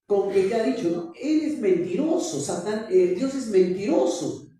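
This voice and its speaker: A man's voice: high voice, animated, moderate pace, dark tone, heavy reverb, recorded from a distance, voice pushed up. A man preaching voices the devil as a sly, seductive male tempter who drags out his coaxing words.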